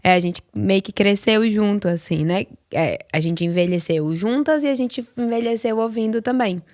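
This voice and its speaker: A woman's voice: mid-range voice, moderate pace, darkish tone, no echo, studio quality. A thirty-one-year-old Brazilian woman co-hosting a podcast, telling stories in casual, informal chat. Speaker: podcast co-host.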